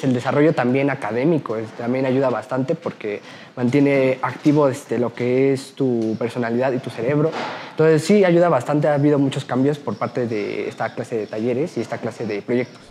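A man's voice: mid-range voice, moderate pace, a little mellow, slight background noise. A young man, the student lead actor, speaking earnestly and searching for words in a casual interview.

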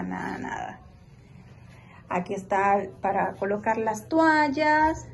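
Filming on her phone as she walks, a woman vlogger gives a chatty, enthusiastic tour of a beach rental and calls her viewers "girls." Her voice sits a little high, with a slight hiss or hum in the audio.

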